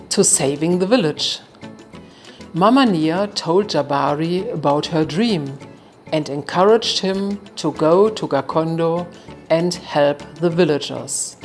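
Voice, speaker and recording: A woman narrating a folktale in a calm, measured storytelling manner. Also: sits low.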